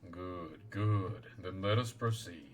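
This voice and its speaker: A man's voice: low voice, slow pace, a little hiss or hum, voice pushed down. A man voicing a wise, courtly old turtle guardian in a fantasy game, with grave, archaic formal speech.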